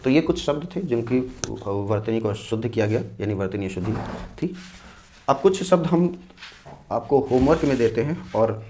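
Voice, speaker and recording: With lively intonation and a dark tone in a mid-range voice, a man explains Hindi spellings for exam prep, repeating each word and walking through it slowly step by step. His accent is North Indian Hindi, he keeps saying "dekhiye" and "theek hai," and there is slight background noise.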